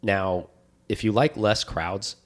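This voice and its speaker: Deep-voiced enthusiastic man chatting. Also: takes it slowly. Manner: enthusiastic, rambling, animated storytelling. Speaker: podcast co-host. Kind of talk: casual chat.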